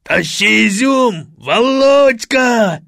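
Brief: rowdy loud reveller, a man voicing him, drawling and yelling. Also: very high-pitched, expressive, creaky, no echo, clean studio sound, voice pushed up, heavily acted. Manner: shouting, drawn-out exclamations. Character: wild, boisterous party-loving man, rowdy host type.

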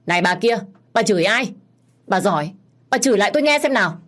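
A woman's voice: lowish voice, fairly quick, natural voice. A woman reading a story, voicing a hot-headed, stubborn young man who talks bluntly and combatively. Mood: aggressive.

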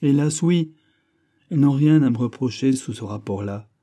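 A man voicing a fat, elderly, sentimental male servant who speaks in excitable, plaintive exclamations. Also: medium pitch, moderate pace, voice pushed up, natural voice.

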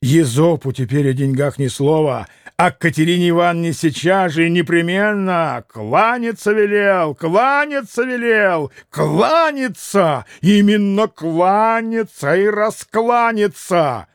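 A man's voice: high voice, expressive, measured pace, hardly any pauses, smooth, dry recording, clean studio sound. A man voicing a hot-tempered, violent young man who bursts out in heavy, gasping, vehement lines. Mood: grim defiance.

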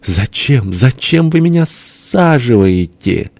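A man voicing a tiny, cowardly male ruler who squeaks and whimpers. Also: very animated, takes it slowly, vocal fry, a little mellow, no echo, heavily acted. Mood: whiny. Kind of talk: audiobook character voice.

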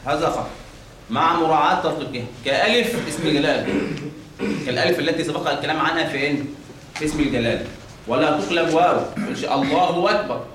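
An Egyptian man gives a religious lesson on pronunciation, often asking his class a question and then answering it himself. His voice sits a little high. He sounds far from the mic in a very echoey room with a faint hiss behind him. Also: fast talker, fairly bright tone. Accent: Egyptian Arabic. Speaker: teacher of Quran recitation rules.

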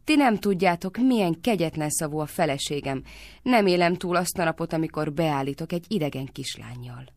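A woman's voice: low voice, expressive, no echo, studio quality. A woman voicing a poor, frightened old male priest in a storybook reading, wailing and pleading.

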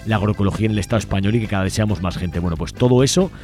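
This radio host, a man with a Spain Spanish accent, talks very fast in a low, darkish voice over soft background music. His informal report is full of phrases that end in a questioning tag.

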